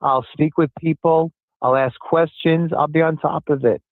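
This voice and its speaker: A man's voice: a little high, fairly even intonation, moderate pace, dry recording. Older man on a tinny phone line. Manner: earnest, emphatic, repeats his points. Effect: heard over a cell phone line. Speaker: city commissioner calling in as a guest. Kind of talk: phone-in interview answers.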